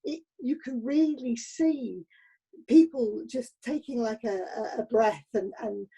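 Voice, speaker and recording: Woman participant, husky and mellow voice, a little high, hesitant and thoughtful. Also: slow, poor audio. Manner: hesitant, many fillers. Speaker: participant with parenting education background. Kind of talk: sharing experience in a meeting.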